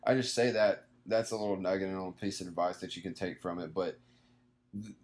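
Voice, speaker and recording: A man's voice: deep voice, steady tone, fast talker, darkish tone. A man in his twenties, a young small business owner, giving earnest, rambling advice in a casual conversation, full of fillers and restarts. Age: 20s.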